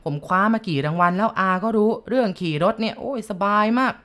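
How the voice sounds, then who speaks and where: A woman's voice: medium pitch, expressive, quick pace, a bit bright, lightly acted. A woman voicing a cheerful young man who brags eagerly about his new motorbike. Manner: eager, bragging. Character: young male motorbike fan, cheerful and boastful.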